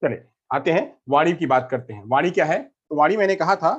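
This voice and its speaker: A man teaches a class in a voice pitched a little high. He keeps asking a question and then answering it himself, repeating key phrases. The recording sounds dull and lo-fi. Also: lively intonation, a little fast, slightly rough. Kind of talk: classroom lecture. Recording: lo-fi muffled recording.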